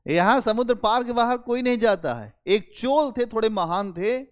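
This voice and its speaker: A male history teacher giving a lively, conversational classroom lecture and talking straight to his students. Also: sits high, moderate pace, clean tone. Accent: Hindi-speaking North Indian. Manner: animated, conversational, addresses students directly.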